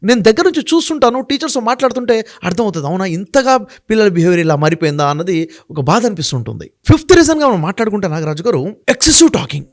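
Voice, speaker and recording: A man with a high voice and big pitch swings races through his explanation as a guest in a sit-down interview. He is emphatic, working through his points one by one and throwing rhetorical questions at the host.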